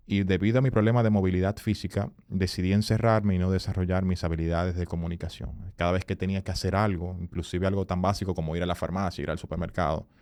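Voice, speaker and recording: A man, a communication consultant, telling earnest stories as a podcast guest, emphatic and rising in pitch when he quotes people. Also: a little mellow, no room sound, studio quality. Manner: earnest, emphatic storyteller who rises in pitch for quoted voices. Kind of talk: storytelling in a podcast interview.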